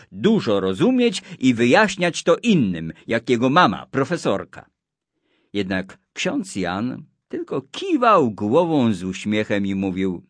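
A man telling a religious story for children in an expressive storytelling manner. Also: medium pitch, no echo.

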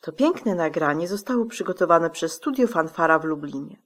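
A woman hosting a radio program, speaking in a formal, measured scripted way. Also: low-pitched, lively intonation. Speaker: radio host. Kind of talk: scripted presentation.

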